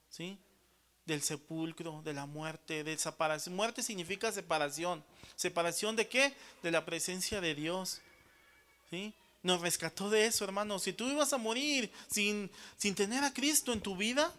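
A man with a high-pitched, fairly bright voice preaches a sermon, often calling the congregation brothers and checking in with them after every point.

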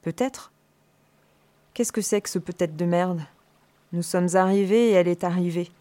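A woman's voice: fairly low pitch, steady tone, moderate pace, mellow, close to an everyday voice. Woman reading as a curt, tense young man. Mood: irritated. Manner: blunt, curt, swears.

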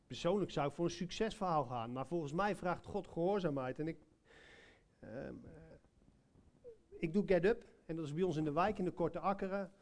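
A man's voice: on the high side, normal speed, darkish tone. A man preaching a sermon, telling a personal story in a conversational way, with many hesitations and direct questions to listeners.

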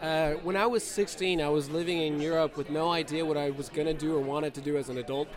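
A man's voice: on the high side, fairly even intonation, quick pace, crowd noise. A man, an improv performer, talking in a casual chat about a show, explaining things in detail.

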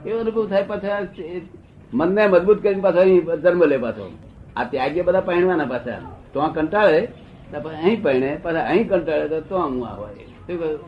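A man giving a spiritual discourse, often stopping to ask his listeners whether they have understood. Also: a little high. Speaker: spiritual teacher. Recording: dull lo-fi old recording with faint hiss.

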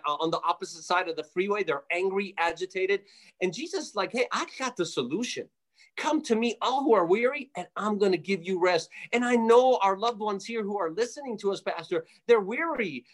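High-pitched and fairly bright in tone, this man's voice carries fervent preaching during a radio interview. He comes from Jerusalem and has Armenian roots, and his conversational yet emphatic exhortations lean on repetition to drive each point home.

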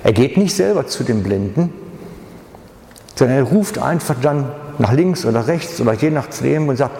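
A man's voice: medium pitch, expressive, normal speed, gravelly, dark tone. A male pastor, preaching a sermon with dramatic storytelling. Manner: dramatic storytelling, acting out voices. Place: church hall. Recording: echoey reverberant church hall.

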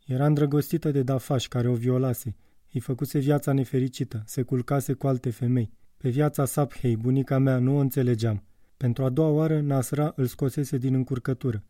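A man narrating a literary audiobook in a measured, calm way. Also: medium pitch, dry recording, clean studio sound, far from the mic.

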